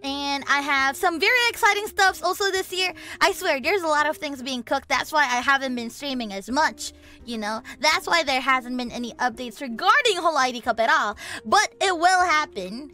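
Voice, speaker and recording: A woman's voice: sits high, bright, forceful tone. A young woman streamer chatting casually and animatedly. She mixes in English, acts out quoted dialogue, and calls herself by her own name. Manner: refers to herself in third person. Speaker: VTuber streamer.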